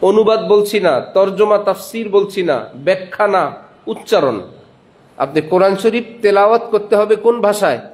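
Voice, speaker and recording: Speaking in an expressive, high-sitting voice, this man preaches a religious lecture with a Bangladeshi Bengali accent. As a madrasa principal, he asks the audience questions and supplies the answers himself, slowly sounding out letters and sounds.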